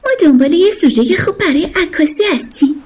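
A woman voicing an eager, childlike winged creature who loves taking photos, talking in a bubbly, fast, pleading way. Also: sits high, lively intonation, darkish tone, voice pushed up.

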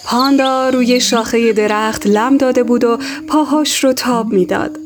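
A woman narrating a children's audio story in an expressive, playful way. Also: fairly high pitch, background noise. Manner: expressive, playful voices for animals.

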